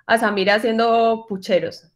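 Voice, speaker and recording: A woman teaching French pronunciation to singers over a video call, patient and encouraging, slowly demonstrating each sound. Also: on the high side, steady tone. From Colombian Caribbean coast. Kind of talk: online workshop lesson.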